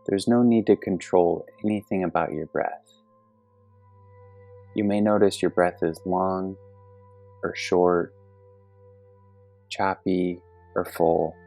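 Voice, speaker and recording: The voice is a man's, very low with a touch of creak, leading a meditation gently and calmly. Each measured instruction is followed by a long pause, all over soft music featuring singing bowl tones.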